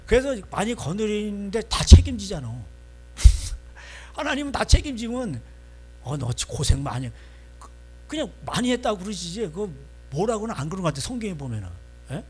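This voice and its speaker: A male pastor preaching a sermon in a church, folksy and animated, constantly prompting the congregation. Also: high-pitched, fairly quick, breathy edge.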